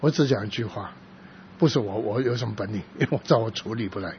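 A man preaching in a sermon, telling a story from his church work in a halting, soft-spoken way, with frequent restarts. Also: fairly low pitch. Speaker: pastor. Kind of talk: sermon testimony. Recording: dull lo-fi with faint noise.

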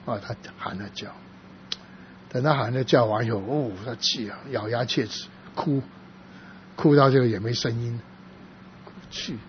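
A man preaches a sermon, recounting a prayer session in a soft, halting voice that keeps restarting its phrases. His pitch sits in the ordinary middle range. The recording is dull and lo-fi, with a faint hiss underneath. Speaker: pastor. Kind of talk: sermon testimony.

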